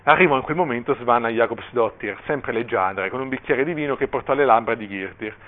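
Un uomo che legge ad alta voce un brano di romanzo con espressività, con qualche breve commento. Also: male voice, mid-range voice, fairly quick. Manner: expressive reading with brief asides. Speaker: reader at a cultural event. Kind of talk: reading a novel excerpt aloud. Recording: tinny phone-like line.

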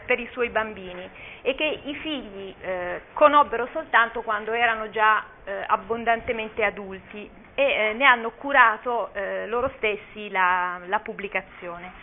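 A woman giving an informal talk about a children's story, speaking hesitantly with many pauses and restarts. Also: a little high. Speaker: speaker presenting a children's book. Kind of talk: informal talk with read-aloud passages. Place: talk at a cultural gathering. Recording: tinny phone-like lo-fi audio, faint hiss.

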